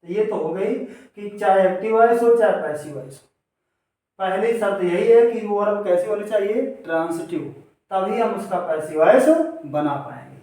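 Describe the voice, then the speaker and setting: A man's voice: high-pitched, moderate pace, dark tone, far from the mic. A male teacher giving a grammar lesson to students. He explains step by step, and he often asks a question and then answers it himself. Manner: addresses students directly. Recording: echoey room, voice away from the mic.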